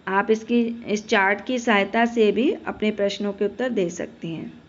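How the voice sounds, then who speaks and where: A woman's voice: mid-range voice, steady tone, moderate pace, dull audio. Patient woman teaching a children's class. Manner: patient, addresses children directly, asks then answers. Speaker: primary school Hindi teacher. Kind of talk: classroom lesson explanation.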